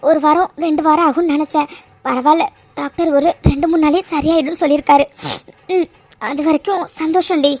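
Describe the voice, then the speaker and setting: Very high-pitched, hoarse young woman, as an actress plays her, hot-tempered cartoon heroine, dry close sound. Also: fairly even intonation, darkish tone, no room sound, close to an everyday voice. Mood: tired, calm. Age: young adult. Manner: fiery, quick to pick a fight. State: hoarse from throat infection. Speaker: food delivery worker. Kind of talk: cartoon serial voice acting.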